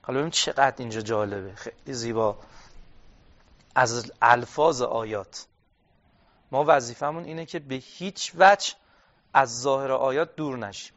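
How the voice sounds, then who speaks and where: A man's voice: medium pitch, long pauses, a bit bright. A man teaching a class on scripture commentary, reading Arabic passages aloud and explaining them step by step, putting questions to his listeners and answering them himself. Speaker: religious studies teacher. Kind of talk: classroom lecture on Quranic exegesis. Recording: dull lo-fi recording.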